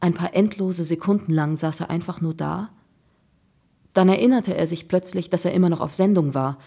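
A woman's voice: lowish voice, normal speed, gravelly, warm tone, husky. A woman narrating a children's crime audiobook in a suspenseful storytelling manner.

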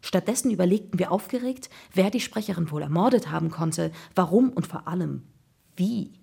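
Husky-voiced woman narrating a story. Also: lowish voice, animated, fairly quick, dark tone. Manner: suspenseful storytelling. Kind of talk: scripted audiobook narration.

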